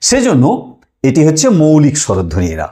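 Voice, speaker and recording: A man's voice: on the high side, huge pitch swings, a little fast, mellow. A man teaching a lesson online, explaining step by step, drawing out sounds and asking listeners questions.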